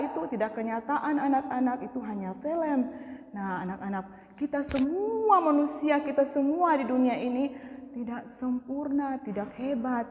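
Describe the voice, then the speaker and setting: A woman telling a moral story to schoolchildren in a school chapel, animated and speaking directly to the kids, her voice echoing in the hall. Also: sits high. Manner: animated storyteller addressing children. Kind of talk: children's chapel story and sermon.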